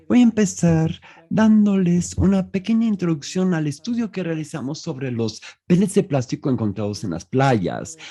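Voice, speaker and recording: A man working as a live interpreter for an online press conference, with a mellow, dark tone. His pitch moves in a lively way as he goes, and he often stops to restart words and fill gaps with hesitations. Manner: halting, with restarts and fillers. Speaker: simultaneous interpreter.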